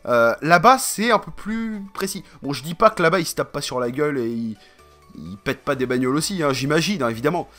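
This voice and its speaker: A man's voice: a little high, animated, quick pace, sharp tone, soft background music. A man from France chatting casually to camera in a vlog, rambling and slangy, with many fillers. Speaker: vlogger.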